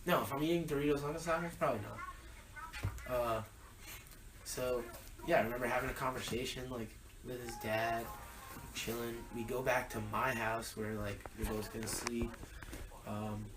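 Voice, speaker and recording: A young man rambles through a story in relaxed podcast chat, full of ums and restarts. His voice sits back from the mic in an echoey room with faint noise behind. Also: mid-range voice, normal speed, long pauses, distant mic. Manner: rambling storyteller with frequent fillers. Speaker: podcast co-host. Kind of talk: casual chat.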